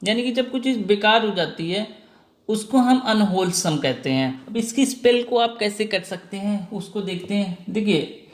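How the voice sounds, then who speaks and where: A man's voice: high-pitched, animated, normal speed. Man teaching spelling in an echoey room. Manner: spells words letter by letter, asks and answers own questions. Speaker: English teacher. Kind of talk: exam vocabulary lesson.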